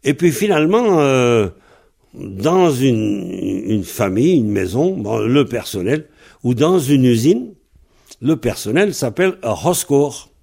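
Man, language teacher, slow delivery, patient, repeats words to model pronunciation. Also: medium pitch, sing-song, creaky, darkish tone, husky. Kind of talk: spoken language lesson.

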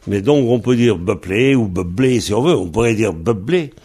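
A man's voice: fairly low pitch, lively intonation, moderate pace, a little mellow, slightly rough. A man teaching Breton pronunciation, patiently spelling words out letter by letter. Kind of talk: slow spelled-out language lesson.

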